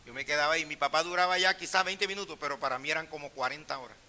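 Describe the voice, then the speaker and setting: A middle-aged male pastor preaching a sermon, telling personal stories in a hushed voice and rising to loud, emphatic preaching. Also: fairly high pitch, rapid-fire.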